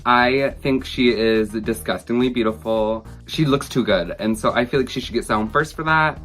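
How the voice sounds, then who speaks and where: A man's voice: mid-range voice, normal speed, fairly bright tone, soft background music. A man talking to camera as a drag competition contestant, gushing and chatty with many fillers. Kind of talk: confessional to camera.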